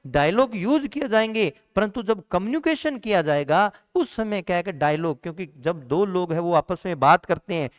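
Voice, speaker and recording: A man's voice: high voice, clean tone. A man teaching an exam-prep lecture, asking and answering his own questions and repeating key points. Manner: calls students "beta" in a warm teacher's tone.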